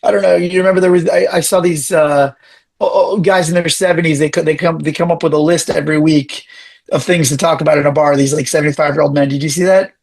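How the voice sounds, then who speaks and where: In this casual interview, the male guest has a raspy voice that runs slightly higher than typical for a man. His delivery is lively and comes in rapid spurts, with many restarted sentences.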